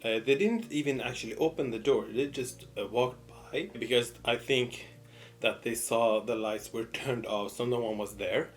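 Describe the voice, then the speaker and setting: A young man telling a casual personal story, repeating words for emphasis and acting out both sides of conversations in an animated way. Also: medium pitch, moderate pace, a little hiss or hum. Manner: animated retelling with repeated words and quoted dialogue. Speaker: mukbang storyteller.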